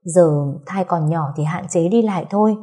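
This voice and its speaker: Woman voicing a brisk, bossy older mother-in-law. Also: on the low side, dark tone, breathy edge. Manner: bossy, scolding.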